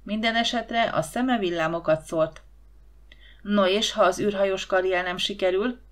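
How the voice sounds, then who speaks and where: A woman narrating a youth science-fiction audiobook with lively storytelling. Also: mid-range voice. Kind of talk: scripted narration.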